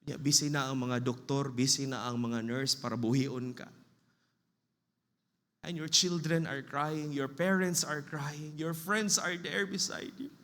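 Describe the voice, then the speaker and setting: A man with a Filipino accent preaching a sermon as pastor, slow and emphatic, in a church hall. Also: a little high, steady tone, a bit bright. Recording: long reverb of a church hall.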